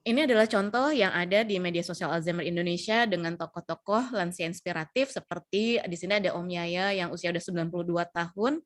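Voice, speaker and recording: A young adult woman presents a health lesson on supporting older relatives. She speaks in a mid-range voice, explaining step by step and often pausing to restart a phrase. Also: medium pitch. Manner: explanatory, many fillers and restarts, acts out quoted lines. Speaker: health educator.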